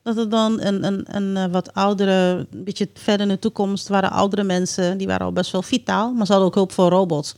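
A woman co-hosting a podcast in casual chat, talkative and quick to laugh. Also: mid-range voice, flat delivery, vocal fry, darkish tone. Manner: chatty, laughs often, many fillers. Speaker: podcast co-host.

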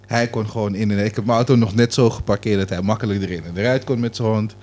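A man co-hosting a casual podcast, telling stories in a lively way and slipping in English slang. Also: on the low side, fast. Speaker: podcast co-host.

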